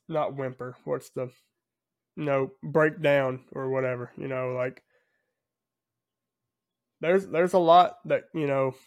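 Man talking haltingly in podcast chat. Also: medium pitch, no echo. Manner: halting, leans on fillers like "you know". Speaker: podcast co-host. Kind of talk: casual chat.

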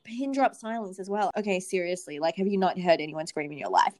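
A woman's voice: fairly low pitch, brisk, over a noisy crowd. A young woman, casually telling a dramatic anecdote in a chatty podcast, with lots of "like" fillers. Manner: animated storyteller, frequent "like" fillers. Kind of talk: casual chat.

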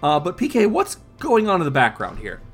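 Male podcast co-host, slightly high voice, casual comic recap. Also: huge pitch swings, a little fast, husky, soft background music.

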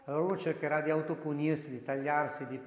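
A priest giving an animated sermon, breaking into loud, emphatic bursts and asking his listeners direct questions. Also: fairly high pitch, fast, a little hiss or hum. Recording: echoey hall with long reverb.

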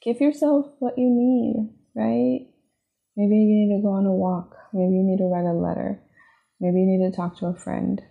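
A woman hosting her own podcast, talking gently and encouragingly in a reflective solo monologue, often asking "right?" and "you know". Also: mid-range voice, steady tone, moderate pace, gravelly. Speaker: podcast host. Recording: phone-like narrow sound.

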